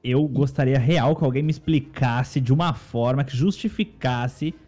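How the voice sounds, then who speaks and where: A man's voice: mid-range voice, moderate pace, a little mellow, soft background music. A man with a Brazilian Portuguese accent co-hosting a casual comedic chat, joking and mock-indignant. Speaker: co-host.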